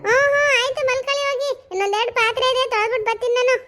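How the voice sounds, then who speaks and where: A woman voicing a sharp-tongued, fed-up young daughter-in-law in a cartoon comedy, snapping back in exasperation. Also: extremely high pitch, rapid-fire, faint music behind. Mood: exasperated.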